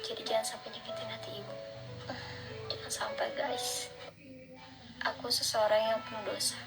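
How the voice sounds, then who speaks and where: A woman's voice: fairly high pitch, flat delivery, normal speed, poor audio. Young woman with slurred r's, over music. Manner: slurred r sounds, close to w; earnest, gently encouraging. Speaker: vlogger. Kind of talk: casual motivational religious chat, reading out quotes and reacting. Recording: instrumental music behind the voice. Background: instrumental music.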